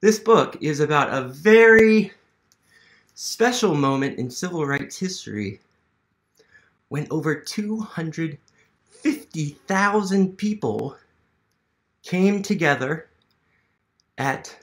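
Here a slightly high male voice with lively intonation goes slowly, leaving long pauses. An American man in his thirties, a museum literacy educator, hosts a children's read-aloud in a small indoor living room, asking questions and encouraging young listeners.

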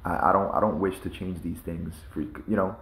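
A man's voice: sits low, fairly even intonation, normal speed, fairly bright tone, echoey room, low-quality recording. A man musing casually in a loose, slang-heavy monologue full of fillers. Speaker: vlogger.

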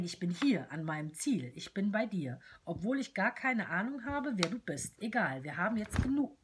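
A tiny cheerful companion doll, voiced by a woman reading a letter aloud, bubbly and playful. Her pitch bounces lively up and down, and the voice has a husky edge. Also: exaggerated voice.

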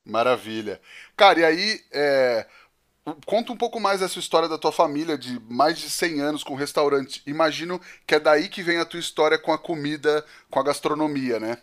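A man's voice: on the high side, moderate pace, fairly bright tone. A man hosting an interview podcast, introducing his guest in an upbeat way. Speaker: podcast host.

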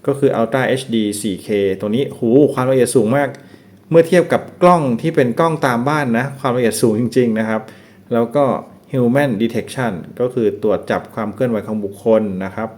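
A man giving a relaxed, casual product review, explaining each feature step by step. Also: medium pitch, moderate pace. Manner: relaxed, explains step by step with frequent polite particles.

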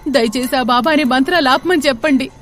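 A woman's voice: sits high, a little fast, soft background music, voice pushed up, close to an everyday voice. Woman doing a pleading desperate husband. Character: desperate husband begging for his wife.

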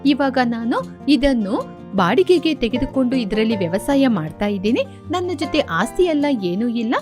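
A woman voicing a humble young village farmer man who speaks slowly and earnestly. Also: on the high side, big pitch swings, music in the background.

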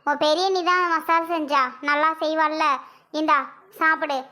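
A woman's voice: sits high, fairly even intonation, normal speed, sharp tone. Woman playing a nagging mother. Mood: scolding. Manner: nagging, insistent. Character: scolding mother fussing over pregnant daughter.

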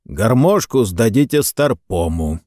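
A gruff, bossy ship captain barks curt orders at young cadets, as a male audiobook reader puts him on. His delivery rises and falls with lively emphasis. The recording is dry and close. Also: lowish voice, a little slow, no echo. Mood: stern. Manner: curt barked commands.

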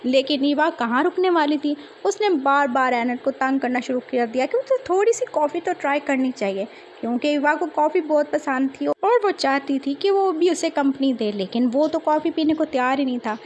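High-voiced young woman telling a story. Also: lively intonation, moderate pace, few pauses, a little hiss or hum. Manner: chatty, conversational narration. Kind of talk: narrating a story.

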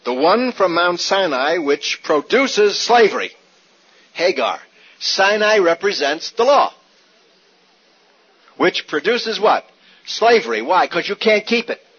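A man's voice: high-pitched, slow pace, long pauses, slightly rough. A man teaching Scripture in a sermon, driving points home with rhetorical questions and repetition, on a dull older recording. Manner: animated, rhetorical questions, repeats key points. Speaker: Bible teacher.

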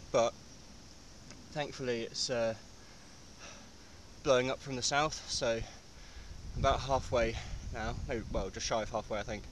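A young English man talking casually to a camera on his bike outdoors, out of breath from the climbs. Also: medium pitch. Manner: chatty, breathless between climbs. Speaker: cycling vlogger. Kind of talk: casual vlog talk to camera. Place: outdoors on a bike on country lanes. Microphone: action camera on the bike, close. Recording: wind and road noise behind.

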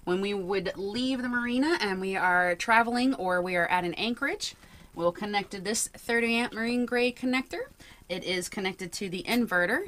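A woman's voice: mid-range voice, a bit bright. Woman touring her sailboat's wiring. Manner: clear, informative tour-guide delivery. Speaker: sailing vlogger. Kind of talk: explaining a boat's power setup on camera. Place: cramped engine room and cabin of a sailboat.

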